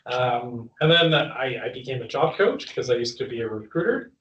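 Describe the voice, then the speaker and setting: A Canadian man in his thirties speaking to a live audience as the guest, chatty and relaxed, laughing now and then. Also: mid-range voice, normal speed, a little hiss or hum. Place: room with an audience. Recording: dull, roomy sound from a distant mic.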